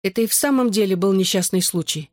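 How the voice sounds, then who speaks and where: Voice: mid-range voice, fast, no echo, studio quality, close to an everyday voice. A reader voicing a shy, flustered teenage girl in an audiobook. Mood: earnest. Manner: soft and hesitant. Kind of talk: audiobook dialogue.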